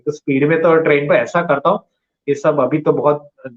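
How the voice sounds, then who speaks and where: A man telling a personal story in a conversational, animated way, acting out his own thoughts as he goes. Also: a little high, normal speed, roomy sound. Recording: dull lo-fi audio.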